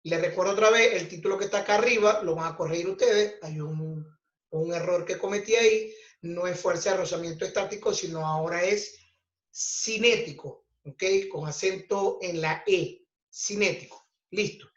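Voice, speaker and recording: A man teaching a physics lesson, explaining step by step and checking in with "ok?" after nearly every point. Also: high voice. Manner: slow, deliberate explaining, checks in with "ok?" constantly. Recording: roomy, dull lo-fi recording.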